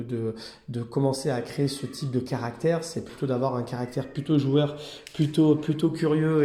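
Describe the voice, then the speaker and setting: A man who runs a cat hotel, speaking casually to camera in an indoor cat room, cooing at the cats in a high sing-song voice and then explaining calmly to viewers. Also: echoey room. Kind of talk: casual vlog commentary.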